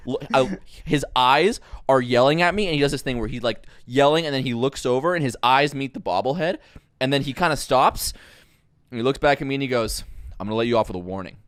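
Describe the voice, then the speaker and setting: A man's voice: mid-range voice, fairly quick, fairly bright tone, smooth, no echo, studio quality. A young man co-hosting a podcast, telling a long story in a rambling, laughing way. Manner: rambling, laughs through his stories. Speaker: podcast co-host. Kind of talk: casual chat, storytelling.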